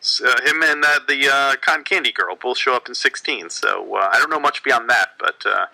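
A man's voice: mid-range voice, a little fast, vocal fry, pushed and bright, low-quality recording. A man in casual chat who speaks hesitantly and fills his talk with uhs.

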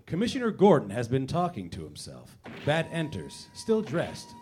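A man's voice: medium pitch, huge pitch swings, normal speed, background noise. A man reading stage directions as the narrator of a comedy script.

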